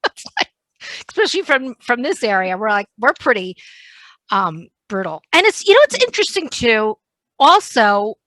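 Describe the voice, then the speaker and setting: A woman with a New Jersey accent hosts a casual podcast chat, slightly high and bright in tone. She talks freely and laughs easily. The recording is dry, with almost no room sound. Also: big pitch swings, moderate pace, dry recording, low-quality recording. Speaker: podcast host.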